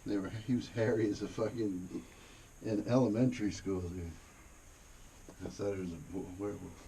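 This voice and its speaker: A man with a low, gravelly voice tells casual stories in a laid-back, rambling, foul-mouthed way. The tone is mellow, and the recording carries faint noise and cave ambience. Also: fairly even intonation, normal speed, rough recording. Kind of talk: casual anecdotal storytelling. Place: inside a cave during a tour.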